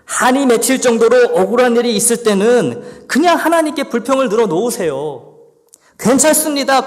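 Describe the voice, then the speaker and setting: Male pastor, high voice, sermon delivery, dramatic pleading asides, long hall reverb. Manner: acts out the psalmist's complaints in a pleading voice.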